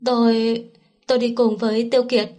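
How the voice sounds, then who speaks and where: A woman reading the lines of a timid young woman who speaks softly and hesitantly, in an audiobook. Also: fairly high pitch, little pitch movement, moderate pace, close to an everyday voice. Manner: soft and hesitant.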